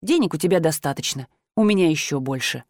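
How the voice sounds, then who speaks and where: A woman reading the lines of a gentle young man who speaks quietly and reassuringly, in a storybook reading. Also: sits low, lively intonation, fast talker, dry recording, studio quality, voice pushed down. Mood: calm.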